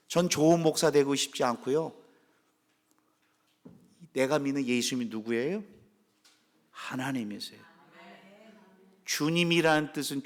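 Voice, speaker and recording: A man preaching a Sunday sermon as pastor, full of animated questions put to the congregation. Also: on the high side. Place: church sanctuary. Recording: long reverb of a church hall.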